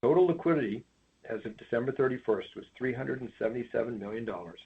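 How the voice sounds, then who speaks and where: A company finance executive reads out prepared financial remarks on an earnings call in a formal manner. His medium-pitched voice is animated and fast with a breathy edge, heard over a tinny phone line with background noise.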